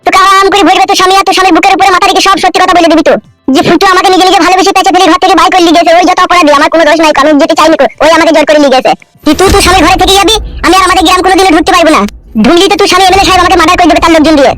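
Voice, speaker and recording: A woman voicing a poor, crude village husband in a cartoon, speaking in a with rapid, defensive scolding. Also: very high-pitched, fairly even intonation. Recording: faint background music.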